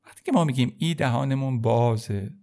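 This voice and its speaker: A man at a middle pitch teaches French letters in an easygoing spoken lesson. He calls his learners kids and stretches out each sound so they can repeat it. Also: warm tone. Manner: repeats sounds slowly and addresses viewers as kids.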